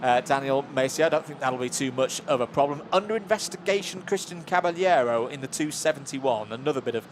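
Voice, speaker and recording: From a trackside box, a man gives live motorsport commentary in a conversational style, closely following the action. His medium-pitched voice is animated and fairly quick, with hardly any pauses, and the clear recording carries track and engine noise from the outdoor race track with vehicles.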